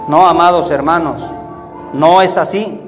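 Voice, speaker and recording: A man preaching a sermon, emphatic and deliberate, calling his listeners brothers. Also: on the high side. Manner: slow, emphatic preaching, addressing the congregation as brothers. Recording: reverberant hall with faint music.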